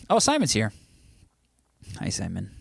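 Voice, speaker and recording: Hosting a casual livestream, a man with a fairly high, husky voice and vocal fry reads out viewer comments and pokes fun at his audience. His loose talk rambles, with frequent restarts.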